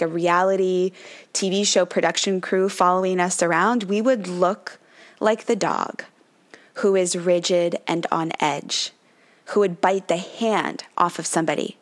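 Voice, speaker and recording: Chatty, laughing woman podcast host. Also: medium pitch. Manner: chatty, laughs often, says "like" and "right?" a lot; dips into mock voices playing the number. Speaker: podcast host, numerology coach. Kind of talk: casual spiritual talk.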